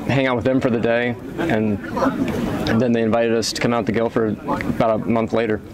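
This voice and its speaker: A man tells how he got started in a loose, hesitant way, with "um" and "like" between words. His voice is mid-pitched. A loud crowd carries on around him. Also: flat delivery, a little fast. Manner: casual, hesitant with fillers. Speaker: reenactor. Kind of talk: casual interview.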